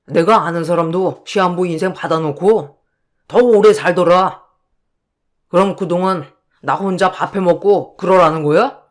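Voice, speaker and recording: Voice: medium pitch, lightly acted. A voice actor playing a selfish husband who scoffs and complains in a radio drama. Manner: scornful, complaining. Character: selfish dismissive husband, adult man. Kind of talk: Korean radio drama reading.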